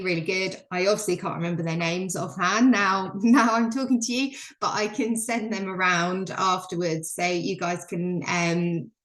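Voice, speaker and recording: A woman's voice: mid-range voice, fairly bright tone. Woman presenting on a video call, chatty, lots of ums, roomy echo; casual business update. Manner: chatty, filler-heavy, enthusiastic.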